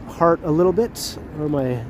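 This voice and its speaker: This livestream host speaks at a moderate pace in a voice on the high side, his nose stuffed up from a cold. He strolls a city street at night with traffic passing, chatting casually, laughing a lot and greeting chat readers by name over the outdoor street noise.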